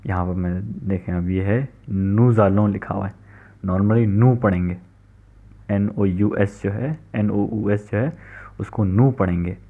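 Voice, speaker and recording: A language teacher with a lowish voice gives a recorded lecture a little slowly, explaining patiently, checking in often and saying "theek hai" again and again. The audio is tinny, like a phone recording.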